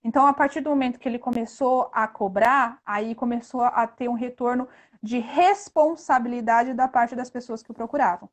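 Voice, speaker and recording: An investment instructor from Brazil is the interview guest here, a woman with a Brazilian Portuguese accent and a slightly high voice at a moderate pace. Earnest and conversational, she tends to end phrases on a tag question.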